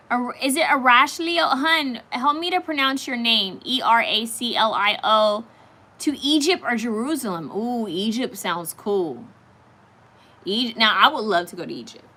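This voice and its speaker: A woman in her thirties hosts a casual livestream, talking straight to her viewers and answering their comments as they come in. Her voice is bright and fairly high, and she restarts her sentences as she goes. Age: 30s. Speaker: livestream host reading oracle cards.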